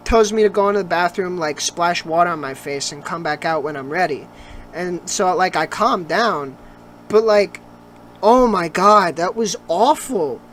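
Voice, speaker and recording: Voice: mid-range voice, slight background noise. Young podcast co-host telling a rambling story. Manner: rambling, animated storytelling with many fillers. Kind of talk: casual storytelling chat.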